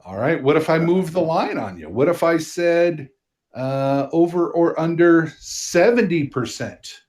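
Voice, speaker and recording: A man's voice: fairly high pitch, expressive, measured pace, darkish tone. A man co-hosting a podcast in easygoing casual chat, a little hesitant as he goes. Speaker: podcast co-host.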